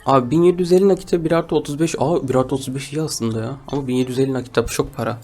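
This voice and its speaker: A man's voice: mid-range voice, steady tone, racing, darkish tone. A man giving casual gameplay commentary as a gaming YouTuber, chatty with his viewers and grumbling and laughing at his bad luck. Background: background music.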